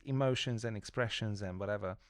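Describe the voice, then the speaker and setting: A man's voice: lowish voice, a little fast, dry recording, studio quality. A man co-hosting a casual podcast chat who works as an acting coach, talking hesitantly and often restarting or correcting himself.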